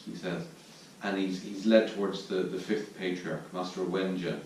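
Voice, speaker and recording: A man's voice: little pitch movement, moderate pace, darkish tone. Irish man teaching in an echoey hall. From Ireland. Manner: reflective, searching for words, low-key. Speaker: Zen teacher giving a dharma talk. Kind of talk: dharma talk at a retreat. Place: meditation hall at a retreat centre. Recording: distant mic in a very echoey room with faint noise.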